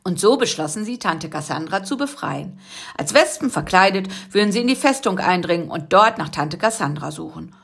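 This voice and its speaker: A woman narrating a children's story in a soft, lively storytelling manner. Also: lowish voice, moderate pace, gravelly, slightly rough. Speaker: audiobook narrator.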